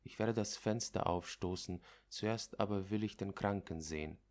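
A man reading a literary story aloud as narrator, in a measured, dramatic way. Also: on the low side, darkish tone.

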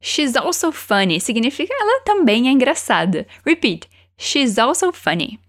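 A woman teaching English, encouraging learners and slowing down to model each phrase for them to repeat. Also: high voice, sing-song. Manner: encouraging, slows down to model pronunciation. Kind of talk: language lesson with repeat-after-me drills.

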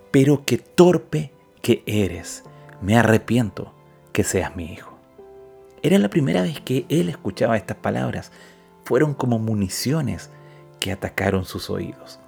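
A man narrating a moral story and reflection in a measured, scripted way, with emphatic swells. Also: on the low side, vocal fry, a little mellow.

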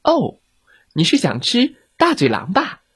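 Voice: medium pitch, wildly swooping pitch, unhurried, breathy edge, dry recording, studio quality, pitched above the performer's own voice, full character voice. A storyteller voicing a clever, cheeky little girl who feigns innocence, in a children's audio story. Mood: sly.

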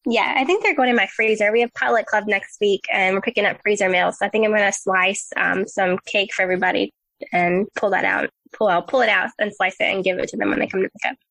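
A woman's voice: medium pitch, steady tone, quick pace, creaky, fairly bright tone, dry recording, low-quality recording. A woman in her thirties from Eastern North Carolina with a Southern accent, co-hosting a podcast in cheerful, giggly casual chat. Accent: Southern American. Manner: giggly, cheerful, laughs often. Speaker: podcast co-host.

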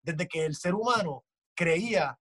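A man's voice: fairly high pitch, lively intonation, unhurried, a bit bright, slightly rough. A man in casual chat, arguing passionately, swearing often and acting out quoted voices.

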